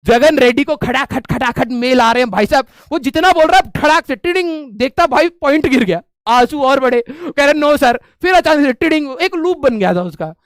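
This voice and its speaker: A young man with a strikingly high voice tells a story to his viewers in a casual, animated way. He keeps dropping "ठीक है" between lines. The sound is dry and close, with no room echo. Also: normal speed, hardly any pauses. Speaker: streamer telling a story.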